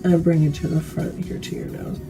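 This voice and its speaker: A tipsy woman with a slightly low voice chats her way through a makeup tutorial. She rambles drunkenly in a loose, casual style and swears often. Music plays clearly behind her. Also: wildly swooping pitch, fairly quick.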